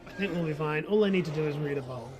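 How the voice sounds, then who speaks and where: A man's voice: a little high, racing, noisy background. A man giving casual, chatty commentary over his gameplay, sleepy and yawning, joking at his own expense as he talks to his chat. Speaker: gaming video creator.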